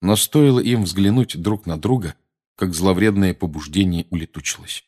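Husky expressive male audiobook narrator. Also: sits low, moderate pace. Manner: expressive, voices each character. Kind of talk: audiobook reading.

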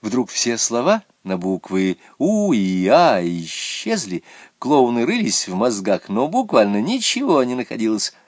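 An expressive man reads a children's story aloud. His pitch swings widely as he tells it, and the sound is dry and close to the mic. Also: a little slow, dry recording. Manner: animated, expressive.

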